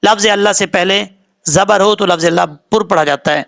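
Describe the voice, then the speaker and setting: This Quran recitation lesson, given word by word by a man with a Pakistani Urdu accent, has slow spelling of letters and vowel marks followed by quick explanations of the rules. His voice sits high, with vocal fry and a fairly bright tone.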